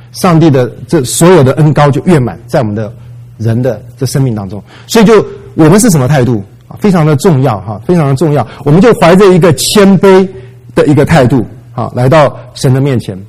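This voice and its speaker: A man's voice: a little high, darkish tone, breathy edge, rough recording. Conversational man preaching a sermon. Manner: conversational, mixes English words, acts out voices in retellings.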